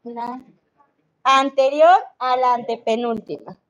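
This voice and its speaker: Her pitch is fairly high, her intonation fairly even, and her pace slow. This Mexican-accented teacher patiently explains lessons in an online class, checking that students follow, on a video call.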